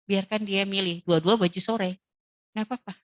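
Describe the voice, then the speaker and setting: A woman's voice: mid-range voice, fairly even intonation, normal speed, no room sound. Woman with a lilt, giving parenting advice. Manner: acts out child and mother voices in quoted dialogues. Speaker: parenting webinar speaker. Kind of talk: parenting talk to mothers.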